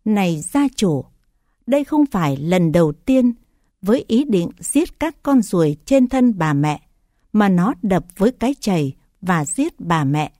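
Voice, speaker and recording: A woman's voice: mid-range voice, sing-song, dark tone, no room sound, studio quality. Solemn wise old teacher, as a woman narrator reads him. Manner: solemn, measured recital.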